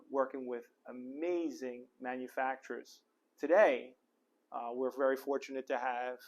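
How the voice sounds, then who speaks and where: A middle-aged man hosting a podcast from an office, chatty and upbeat, with lots of fillers and restarts. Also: mid-range voice. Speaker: podcast host. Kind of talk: casual interview chat. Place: office in the city.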